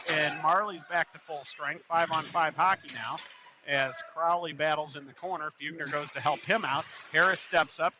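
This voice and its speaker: Man calling youth hockey play-by-play. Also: fairly high pitch. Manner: steady running play-by-play, rises on shots. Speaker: play-by-play commentator. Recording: noisy arena ambience.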